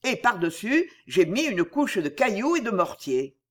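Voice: medium pitch, big pitch swings, a little slow. Brief: a reader plays a loyal murderer spilling his secrets, blunt, in a storybook reading. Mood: confiding. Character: male murderer, devoted to his gang boss.

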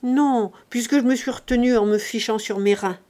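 A woman's voice: a little high, fairly even intonation, moderate pace, dark tone, natural voice. A woman doing a blunt, hearty old servant woman. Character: sturdy old female servant, plain-spoken. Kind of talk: audiobook character voice.

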